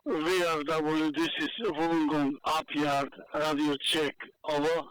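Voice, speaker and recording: A man working as a radio operator, heard over a walkie-talkie radio, making a radio check in slow, measured procedure wording. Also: fairly high pitch, little pitch movement, a bit bright, clear, resonant tone, no echo, rough recording. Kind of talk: two-way radio check call.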